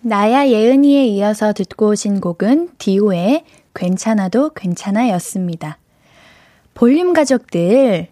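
A young woman hosting a radio show in a studio, reading listener messages in a playful, joking way and then softly comforting them. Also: medium pitch, dry recording. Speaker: radio host. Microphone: studio microphone.

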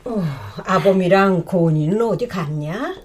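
An actress playing a proud, quick-tempered older grandmother who scolds and sighs theatrically. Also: mid-range voice, lively intonation, darkish tone. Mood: scolding. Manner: scolding, sighing, melodramatic. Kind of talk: TV or radio drama acting.

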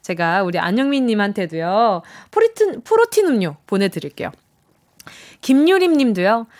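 A woman's voice: mid-range voice, very animated, normal speed, a little mellow. A young woman hosting a radio show, reading listener messages in a chatty, encouraging way and acting out quoted lines.

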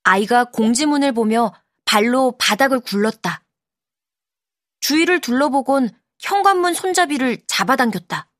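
A woman narrating an audiobook in a calm, measured storytelling manner, close to the mic. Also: sits high, no echo. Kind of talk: scripted narration.

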